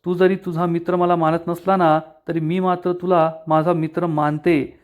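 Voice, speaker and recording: A man's voice: fairly high pitch, flat delivery, normal speed, lightly acted. Male narrator voicing a remorseful young heroine, pleading and apologetic.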